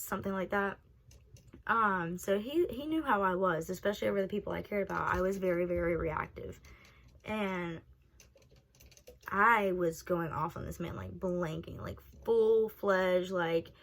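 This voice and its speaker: A young woman on a vlog recounting a personal story in a candid, profane, animated way. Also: mid-range voice. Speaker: vlogger telling a personal story. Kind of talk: casual storytime monologue.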